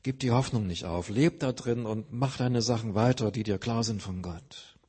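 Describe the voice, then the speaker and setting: A man's voice: on the low side, normal speed, a little mellow, slightly rough. A man preaching a sermon, earnestly explaining scripture with everyday examples.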